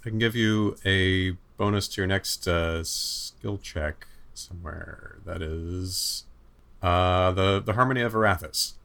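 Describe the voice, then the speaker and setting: A man with a very low voice playing a tabletop role-playing game. He talks casually and helpfully, explaining game rules as he goes. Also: slow pace, creaky, a bit bright. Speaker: player.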